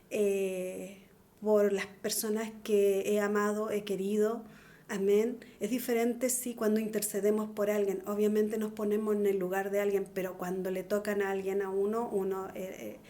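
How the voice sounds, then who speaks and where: A woman's voice: medium pitch, warm tone. A middle-aged woman giving an earnest, pleading testimonial sermon. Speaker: preacher.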